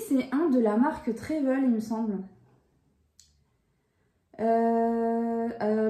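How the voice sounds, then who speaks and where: A woman's voice: fairly high pitch, warm tone. Chatty woman in an echoey room. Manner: chatty, enthusiastic, many fillers. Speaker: puzzle vlogger. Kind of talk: casual haul vlog.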